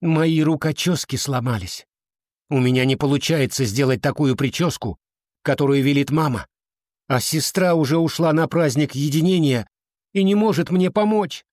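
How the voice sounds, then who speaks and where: A man voicing an upset, tearful young schoolgirl in an audiobook, who speaks slowly and cries out. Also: a little high, no echo, clean studio sound, pitched above the performer's own voice, lightly acted. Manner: shouting, sobbing, slow.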